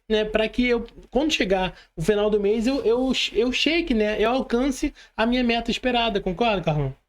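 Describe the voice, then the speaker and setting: A high-pitched man with a Brazilian Portuguese accent hosts a casual podcast interview. He talks informally, using slang and frequently tacking on questions that seek agreement.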